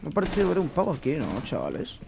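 A man's voice: a little high, huge pitch swings, racing, creaky, heavy background noise. A young man from Spain with a Spanish accent, ranting and swearing in casual commentary over his own gameplay. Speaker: gaming streamer. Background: game sounds.

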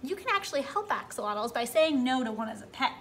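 A woman's voice: sits high, sing-song, quick pace, slight background noise. A young adult woman speaking as a cheery zookeeper, giving a simple educational talk to camera. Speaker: zookeeper presenter. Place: small indoor room beside an aquarium.

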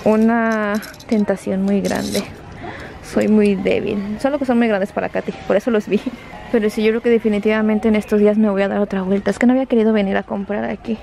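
Her voice is mid-range and mellow, fairly even in intonation, brisk, and marked by vocal fry. She's a young vlogger filming herself on a handheld camera while shopping in a large store, chatting casually with her viewers and children amid the store's noise.

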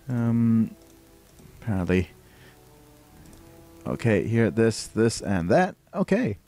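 Streaming a game, a young Thai man explains what's happening in a mellow, medium-pitched voice with a faint Thai accent. His commentary is peppered with fillers and false starts.

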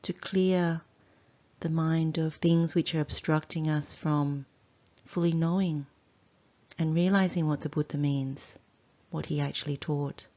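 Leading students through a guided meditation, a teacher uses a low, mellow voice with fairly even intonation. Each short phrase is placed very slowly and deliberately, followed by a long pause, in a slightly dull recording.

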